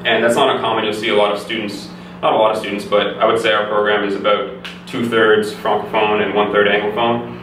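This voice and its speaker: The clip captures casual interview responses from a young adult Canadian, a native English speaker studying physiotherapy and appearing as a guest. He sounds easygoing, speaking rapidly and steadily in a flat, low register. Recorded from afar, it has strong echo and distinct background noise.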